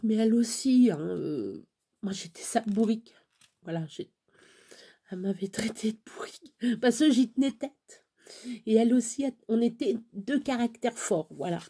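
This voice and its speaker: A woman's voice: mid-range voice, dark tone, breathy edge. A woman in her forties chatting to her viewers in a blunt, earthy way, swinging between laughter and tears. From France. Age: 40s. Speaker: crafting vlogger. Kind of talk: casual chat to camera.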